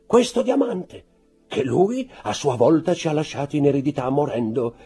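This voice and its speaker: A man's voice: on the high side, expressive, normal speed, mellow, husky, voice pushed up. A man voicing a sickly, anxious innkeeper's wife. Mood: telling.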